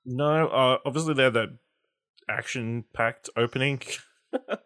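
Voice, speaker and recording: A man co-hosting a casual podcast chat, relaxed and low-key with dry humour. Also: a little slow, dry recording. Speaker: podcast co-host.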